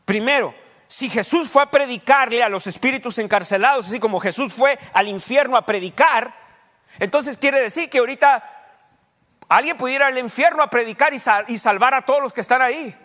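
A man's voice: very high voice, brisk, pushed and bright. A male pastor preaching a teaching sermon, quizzing his congregation and dropping English fillers. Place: church hall. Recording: echoey church hall.

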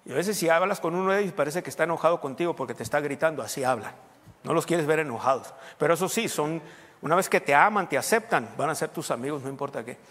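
A preacher with a somewhat high voice tells a story from the pulpit, acting out dialogue. His voice rings with the long reverb of a church hall. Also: fast talker. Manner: animated storyteller, acts out dialogue. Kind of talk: sermon with storytelling.

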